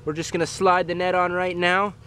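Young guy vlogging by beehives, kinda high voice, super emphatic, bit of noise outside. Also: flat delivery, brisk, pushed and bright. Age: young adult. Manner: exclaiming, emphatic, repeats superlatives. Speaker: vlog host. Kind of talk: excited casual vlog narration to camera. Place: outdoors beside a house and buzzing beehives. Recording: noisy outdoor camera audio.

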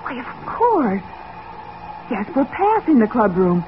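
An actress playing an eager, anxious American detective's assistant in an old-time radio drama, questioning and easily alarmed. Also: female voice, fairly high pitch, very animated, takes it slowly, background noise. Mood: eager, amazed. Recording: tinny, narrow-band old radio recording.

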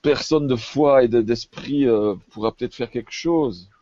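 A man's voice: medium pitch, moderate pace, dark tone, no room sound, lo-fi sound. A man playing his character in a tabletop game over an online call, stammering and repeating himself. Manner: stammering, many repetitions. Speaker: player. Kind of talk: tabletop role-play.

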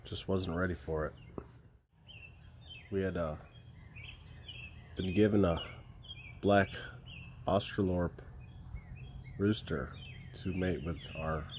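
A man in his thirties vlogging outdoors in a rural backyard, talking in a subdued, halting way with frequent pauses, into a phone held at arm's length. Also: low-pitched, slight background noise. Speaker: homestead vlogger. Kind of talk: casual vlog talk. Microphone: phone camera held at arm's length.

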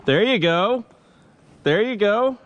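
A laid-back kayak fishing vlogger with a high voice speaks slowly in a muffled recording. Outdoors in his kayak on a swampy creek, he narrates into a head-mounted action camera, relaxed and chatty, swearing freely.

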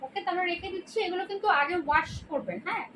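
A woman's voice: very high voice, racing, fairly bright tone. A Bangladeshi woman with a Bengali accent casually showing off dresses for sale online, chatty and repeating prices and colors. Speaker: online clothing seller. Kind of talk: casual product showcase. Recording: distant mic with noisy background.

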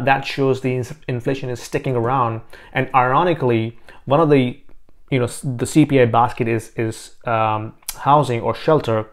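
Man giving thoughtful market commentary. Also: mid-range voice. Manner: thoughtful, many fillers and restarts. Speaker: realtor and finance vlogger. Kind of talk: casual market commentary to camera. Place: small home office. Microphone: lapel mic.

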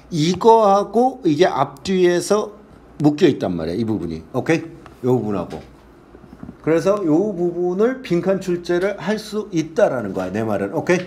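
A man teaching English to a class in a casual lecture, reading lines aloud slowly and translating them, blunt and crude, swearing and joking with his students. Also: on the high side, a little mellow.

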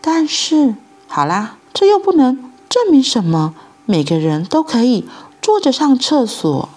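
Woman storyteller, Taiwanese Mandarin accent, sing-song children's reading with wide pitch swings. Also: a little slow. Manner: animated, speaking to children.

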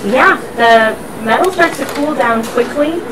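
Her voice high and animated, a factory tour guide takes her time explaining each step during a walk-through. A crowd can be heard behind her, and the somewhat distant recording is filled with the machinery and workshop sounds of a busy factory floor.

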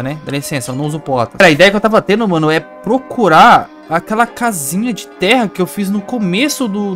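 A man with a Brazilian Portuguese accent giving excitable, playful gameplay commentary. He repeats catchphrases and swings between loud squeals and low mutters. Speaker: gaming YouTuber.

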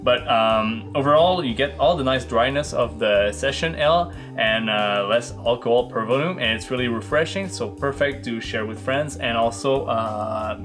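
A man's voice: mid-range voice, soft background music. Young guy tasting beer at home bar, laid back, lots of uhs, teases his buddy. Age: young adult. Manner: relaxed, halting with fillers, teasing. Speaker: beer review co-host. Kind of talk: casual chat.

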